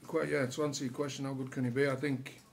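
Speaking in a medium-pitched, creaky voice, an English rugby league head coach fields post-match questions in a press room with a sponsor board behind. He sounds relaxed, stopping and restarting often with plenty of fillers, over slight background noise.

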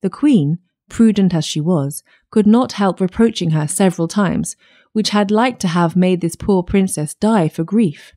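A woman narrating a fairytale audiobook in a measured storytelling manner. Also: mid-range voice, warm tone.

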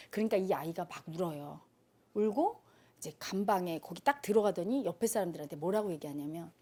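A woman giving a spiritual lecture to a group, telling stories and acting out the people in them. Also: a little high. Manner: animated storytelling, acting out quoted people. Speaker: spiritual teacher.

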